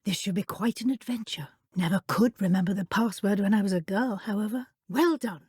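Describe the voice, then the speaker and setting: A woman voicing a brisk, kindly middle-aged witch professor with a British accent and precise, formal phrasing for a video game. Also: mid-range voice, darkish tone, husky, no echo, studio quality. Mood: welcoming. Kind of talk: scripted video game dialogue, instructional.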